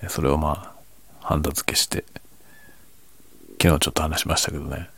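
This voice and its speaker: A man chatting casually and quietly late at night, half whispering as if others in the house are asleep. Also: a bass voice, fairly even intonation, a little fast, gravelly, breathy edge, no echo. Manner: speaks quietly, half whispering, so as not to wake sleeping family. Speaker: host of a late-night audio chat. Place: at home at night. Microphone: microphone without windscreen, slightly backed away.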